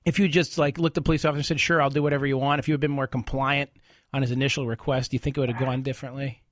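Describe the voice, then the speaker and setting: A man's voice: medium pitch, flat delivery, rapid-fire, no echo, clean studio sound. A man hosting a call-in radio show, casually explaining legal points to a caller. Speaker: radio show host, lawyer. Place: radio studio.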